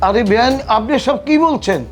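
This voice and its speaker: A man with a Bangladeshi accent playing a bewildered, mild-mannered middle-aged father in a film melodrama, reasoning gently. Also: very high-pitched, a little fast, soft background music. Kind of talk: melodramatic short film acting.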